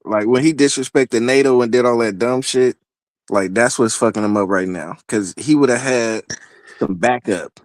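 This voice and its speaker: A man's voice: mid-range voice, normal speed, dry recording. A man co-hosting a stream, explaining his view in a laid-back, casual way. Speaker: stream co-host. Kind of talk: casual profane chat.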